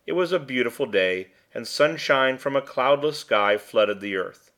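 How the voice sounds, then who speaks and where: A man narrating a short story in a measured, even reading voice. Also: mid-range voice. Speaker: audiobook reader. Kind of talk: scripted narration.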